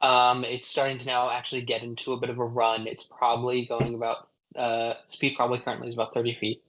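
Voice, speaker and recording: Man slowly narrating a tabletop game. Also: medium pitch, completely flat delivery, a bit bright, poor audio. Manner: unhurried, descriptive narration with pauses and ums. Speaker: game master.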